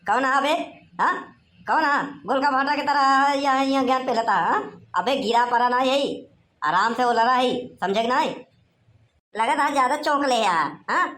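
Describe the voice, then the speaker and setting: A woman's voice: high-pitched, moderate pace, fairly bright tone. A woman voicing an easygoing young village man in a cartoon, with an Awadhi accent and a chatty, teasing manner. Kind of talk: cartoon voice acting.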